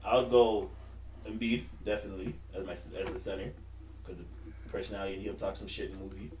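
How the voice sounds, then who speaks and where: A man's voice: deep voice, level tone, quick pace, darkish tone, roomy sound. Male podcast host, frat-bro teaser, loose sports talk, distant mic with faint noise. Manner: frat-bro style teasing, slangy and profane. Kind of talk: casual sports banter.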